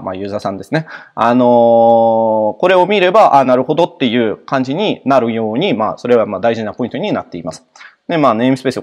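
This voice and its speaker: A man from Russia presenting a technical software talk at a conference, speaking politely and haltingly with frequent filler words between phrases. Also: medium pitch. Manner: polite explanatory tone.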